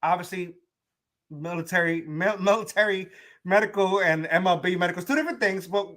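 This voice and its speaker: A high-voiced young man hosting a sports talk show. He talks to his listeners in a loose, animated way and often repeats and restarts his points. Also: fairly quick. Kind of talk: casual sports commentary.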